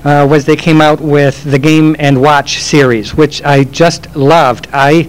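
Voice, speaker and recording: Talker with a lightly raised pitch, chatty and self-mocking, fielding audience questions on stage. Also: male voice, steady tone, slow, poor audio. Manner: rambling, chatty, self-deprecating humor. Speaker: game industry speaker. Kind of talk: live Q&A storytelling.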